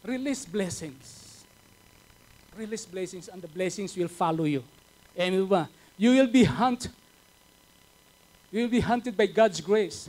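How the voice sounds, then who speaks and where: A man with a Filipino accent preaching a sermon at a church service, switching between Tagalog and English and building to loud emphatic calls. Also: sits high, poor audio. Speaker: pastor.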